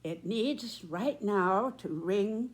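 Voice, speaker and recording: A woman in her nineties giving a prepared political commentary, speaking deliberately and emphatically in short measured phrases. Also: medium pitch, expressive. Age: 90s.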